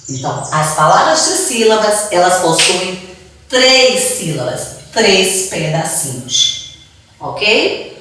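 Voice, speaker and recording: A woman teaching with a Brazilian Portuguese accent, explaining slowly and patiently, drawing out syllables and repeating words. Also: lowish voice, fairly bright tone, a little hiss or hum. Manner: drawn-out syllables, patient repetition. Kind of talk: slow, deliberate classroom explanation. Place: classroom. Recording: echoey room, mic far off.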